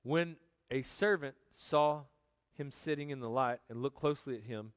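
A man preaching a sermon as pastor, animated, swinging from loud emphasis to quiet joking asides. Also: mid-range voice, moderate pace, clear, resonant tone, no room sound.

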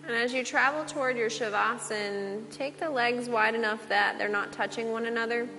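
A woman teaching yoga, giving slow, gentle relaxation cues with long pauses. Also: fairly high pitch, steady tone. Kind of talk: guided relaxation instruction. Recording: long reverb with soft music.

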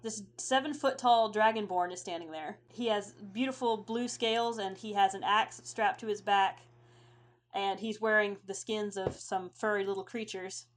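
A woman's voice: mid-range voice, fairly even intonation, moderate pace. A woman narrating a tabletop game as game master, casual with many fillers.

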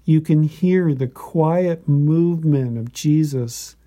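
A man giving a scripted devotional narration in a slow, deliberate and reverent manner. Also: on the high side, mellow.

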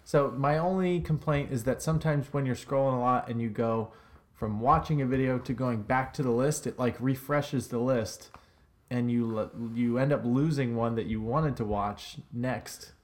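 A man co-hosting a casual podcast chat, explaining things in a relaxed, rambling way that trails off. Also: medium pitch, normal speed. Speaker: podcast co-host.

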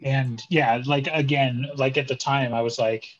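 A man with an average-pitched voice co-hosts a chat show. He comments casually and jokingly, in the loose style of banter between friends. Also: steady tone, moderate pace, highs cut off. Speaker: podcast co-host.

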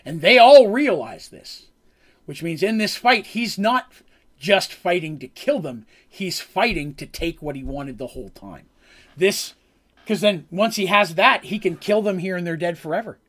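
A man with a fairly high voice recaps a tabletop role-playing battle as the game master. He rambles casually, stopping to correct himself and filling gaps with ums. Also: lively intonation, unhurried, fairly bright tone.

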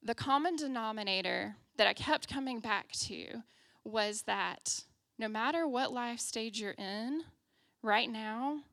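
A young woman giving a casual, self-deprecating sermon from a church stage, opening with a soft, hushed prayer and peppering her talk with "like" and "um.". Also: on the high side, slow pace, creaky, dry recording, clean studio sound. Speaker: guest preacher.

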